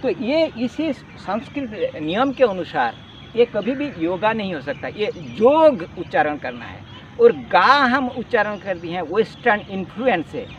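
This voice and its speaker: A man's voice: sits high, sing-song, measured pace, distant mic. A man teaching a spoken lesson on yoga in an earnest, explaining way, repeating key words. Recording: dull lo-fi sound with faint outdoor noise, off-mic.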